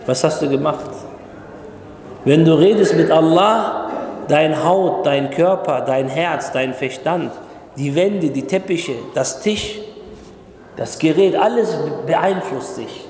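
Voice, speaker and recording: Emphatic preacher with a gravelly voice, echoey hall. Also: male voice, on the high side, slow pace, darkish tone, a little hiss or hum. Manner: emphatic, repetitive exhortation addressing listeners directly. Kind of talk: sermon. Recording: echoey hall with long reverb.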